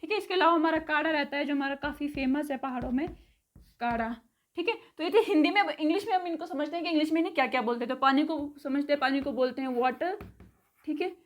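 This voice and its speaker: A woman with a high, light voice gives a casual vocabulary lesson. She repeats each word slowly and spells it out letter by letter. She checks in with a quick "okay" after nearly every item. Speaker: spoken English teacher.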